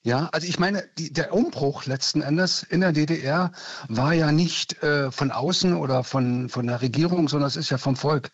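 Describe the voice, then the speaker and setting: Over a dry, lo-fi phone line with no echo, an East German radio caller in his sixties speaks earnestly, almost like a short speech. His pitch runs fairly high and his pace is moderate.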